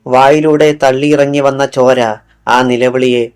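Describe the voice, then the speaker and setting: A man's voice: medium pitch, steady tone, measured pace, darkish tone, clean tone. A man reading a thriller audiobook in scripted narration, dropping his voice for quoted lines. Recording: faint music underneath.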